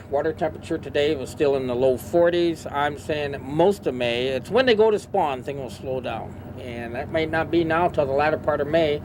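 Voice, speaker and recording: A man's voice: a little high, a little mellow. A man, a boat captain, answers interview questions outdoors in a plainspoken way with clipped phrases. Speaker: charter fishing boat captain being interviewed. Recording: noisy outdoor engine and vehicle ambience.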